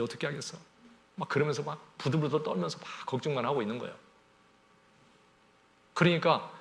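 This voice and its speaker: A man's voice: mid-range voice, creaky. A male pastor giving a Sunday sermon in a conversational way, often asking the congregation rhetorical questions and acting out everyday scenes. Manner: acts out everyday scenes in small voices.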